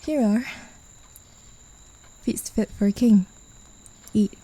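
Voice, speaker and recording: This voice actor's tone is dark and breathy, at medium pitch, delivered slowly with no echo. She voices a domineering, possessive female demon in ASMR roleplay, whispering often while condescendingly teasing her human pet.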